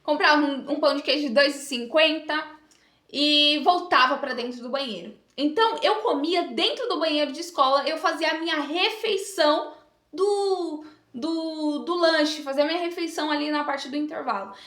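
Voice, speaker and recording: Bright, echoey young woman telling a testimony. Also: high voice, moderate pace. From Brazil. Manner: heartfelt, earnest storytelling with emotional rises. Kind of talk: personal testimony. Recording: echoey room with faint music.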